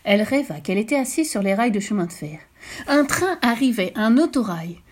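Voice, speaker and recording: Storytelling for children, this woman reads a bedtime tale in a gentle, expressive, lively way, her voice moving all over. It is fairly high and slightly rough, and she reads a little fast.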